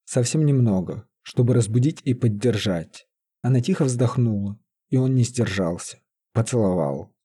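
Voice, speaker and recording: A male narrator reads a fantasy story in a steady, even way. His voice is mellow and dark in tone, with a husky edge. The pitch sits in the middle of a man's range. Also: normal speed. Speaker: audiobook narrator.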